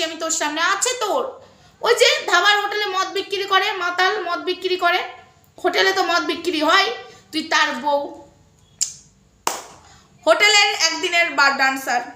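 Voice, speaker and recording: High bright-voiced woman ranting sarcastically. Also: reverberant. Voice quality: mocking, sarcastic, scolding. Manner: heated, spits and jeers. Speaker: vlogger. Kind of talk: sarcastic rant to a rival.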